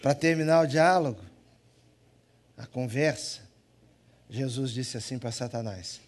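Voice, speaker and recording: With a Minas Gerais Brazilian Portuguese accent and a medium-pitched voice, this preacher gives a funny church sermon at an unhurried pace. He jumps from loud, emphatic statements to soft asides.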